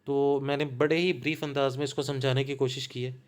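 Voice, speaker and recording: A man with a Punjabi accent teaches in a calm, unhurried lecture voice at a mid-range pitch. He works through each idea with small examples and repeats key points patiently. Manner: slow, patient, explains with examples. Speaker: literature lecturer. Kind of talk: explanatory lecture.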